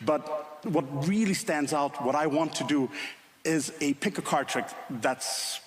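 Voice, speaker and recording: A man's voice: fairly high pitch, measured pace. A man from Finland with a Finnish accent, performing stage magic patter with playful, chatty remarks to two volunteers. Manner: playful, gesturing while talking. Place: TV studio stage with live audience. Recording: roomy studio with loud crowd and noise.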